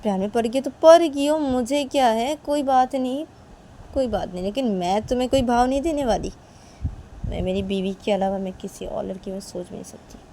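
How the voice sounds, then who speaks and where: Smug teasing young wife, woman doing her, mellow voice, keeps poking with haan. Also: fairly high pitch, brisk, slight background noise, lightly acted. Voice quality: taunting, ends lines with "haan?".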